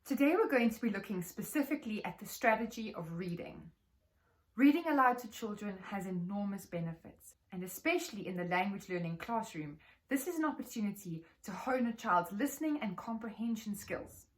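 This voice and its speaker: Speaking to teachers as their trainer, a South African woman delivers an instructional talk in an animated, medium-pitched voice. She stays measured and articulate throughout.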